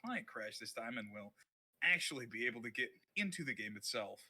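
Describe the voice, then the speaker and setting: A man's voice: medium pitch, expressive, fairly quick, pushed and bright, breathy edge. A man doing casual esports commentary, teasing his co-caster in dry, playfully formal phrasing. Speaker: esports shoutcaster.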